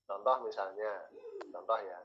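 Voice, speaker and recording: A man's voice: fairly low pitch, fairly even intonation, a little slow, muffled recording, slight background noise. A man teaching a university class, repeating key words and asking his students questions. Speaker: university lecturer. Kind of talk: classroom lecture.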